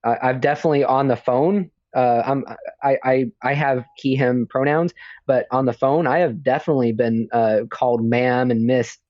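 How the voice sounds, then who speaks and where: A man co-hosts a podcast in casual chat, speaking hesitantly with many fillers and restarts. His medium-pitched voice has fairly even intonation and a moderate pace, captured in a dry, dull lo-fi recording.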